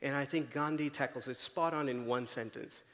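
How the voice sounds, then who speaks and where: A man's voice: medium pitch, moderate pace, a bit bright. A man giving a conversational, story-driven talk on stage, often checking in with the audience by asking "right?". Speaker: conference speaker. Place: large auditorium stage. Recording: long reverb of a large hall.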